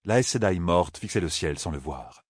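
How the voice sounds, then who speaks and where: Husky, low-voiced male narrator. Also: moderate pace, no room sound, clean studio sound. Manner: lively, expressive reading. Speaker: audiobook narrator. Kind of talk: scripted fantasy narration.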